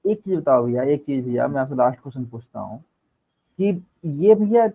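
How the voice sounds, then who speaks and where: A man's voice: medium pitch, animated, moderate pace, creaky, mellow, dull audio. A man interviewing a former fellow teacher, deferential and casual, often addressing him as an elder brother. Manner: deferential, keeps calling the guest elder brother.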